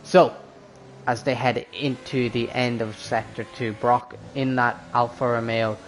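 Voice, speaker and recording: A man doing live motorsport race commentary as a commentator, excitable when the action picks up. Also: medium pitch, unhurried, slight background noise, low-quality recording.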